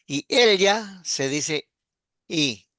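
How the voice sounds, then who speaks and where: A man, a pastor teaching an online class, explaining patiently and repeating words slowly. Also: a little high, lively intonation, bright, forceful tone, dry recording, clean studio sound.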